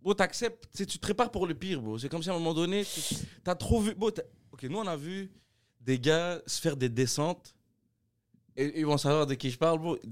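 A man in casual podcast chat, emphatic and fast, dropping English slang. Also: fairly high pitch, animated, dry recording, clean studio sound. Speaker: podcast host.

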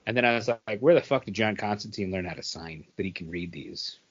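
A man with a lowish, slightly rough voice talks briskly as a podcast co-host reviewing comics, bluntly chatting about what he's read and swearing now and then. The sound is lo-fi.

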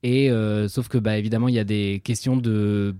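A man talks in a casual podcast chat. He explains things haltingly, with plenty of fillers, and drops quick jokes. The sound is dry and close. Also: fairly low pitch, steady tone, warm tone, clean tone, no room sound. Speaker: podcast co-host.

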